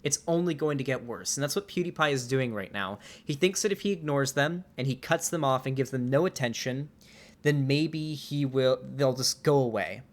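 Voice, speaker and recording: This twentysomething streamer reacts to memes on a live broadcast, chatting loosely until exasperation boils over into cursing. He speaks at medium pitch and a moderate clip, sounding animated and laughing along the way.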